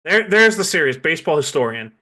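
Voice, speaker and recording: A man's voice: fairly high pitch, sing-song, brisk, pushed and bright. A man co-hosting a casual sports podcast, teasing his friends and telling stories. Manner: teasing, storytelling banter. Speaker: podcast co-host.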